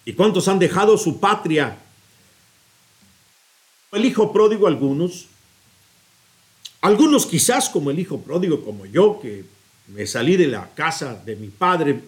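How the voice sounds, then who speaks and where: Animated, high-voiced male preacher. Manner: expressive, storytelling, appeals directly to listeners. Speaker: priest.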